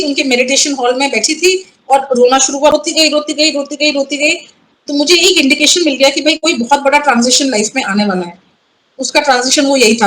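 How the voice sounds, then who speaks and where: Woman guest, high voice, earnest and halting testimony, restarts her sentences, code-mixes English, faint hiss underneath. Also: fairly bright tone, poor audio. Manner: earnest, halting, with frequent restarts and English words mixed into Hindi. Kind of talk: personal testimony in a conversational interview.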